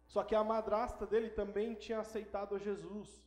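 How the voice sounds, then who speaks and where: A man's voice: high-pitched, little pitch movement, brisk, a little mellow. A male pastor giving an emphatic sermon in church, driving points home by repeating words. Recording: echoey church hall.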